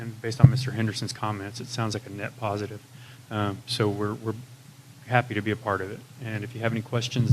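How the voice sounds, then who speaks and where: A man giving courteous formal remarks as legal counsel in a public meeting room. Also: on the low side. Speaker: bond counsel addressing a meeting. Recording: noisy meeting room ambience.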